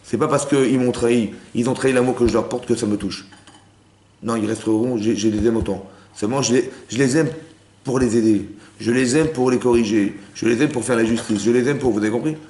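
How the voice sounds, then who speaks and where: Male rabbi teaching a class, quick delivery, rhetorical check-ins, echoing room. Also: medium pitch, steady tone, dark tone. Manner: keeps asking the class if they understood; mixes Hebrew terms into his talk. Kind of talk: spoken Torah lesson. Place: lecture room with listeners. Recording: roomy room with faint background noise.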